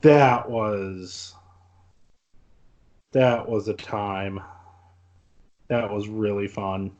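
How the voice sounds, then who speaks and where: Man, podcast co-host, unhurried, earnest, casual chat, dull lo-fi recording. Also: fairly low pitch, steady tone, darkish tone. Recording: dull lo-fi audio.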